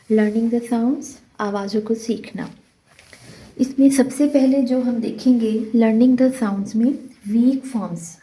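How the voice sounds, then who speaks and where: A woman teacher with a Pakistani accent works through a textbook lesson at an unhurried pace. Her voice is mellow and fairly high. She reads the example phrases slowly and then explains them patiently and at length. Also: rough recording.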